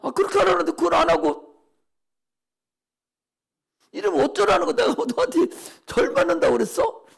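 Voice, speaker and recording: An older male pastor preaches urgently in a very high, creaky, sing-song voice at normal speed, with long pauses. He repeats and shouts a prayer, then scolds his listeners informally.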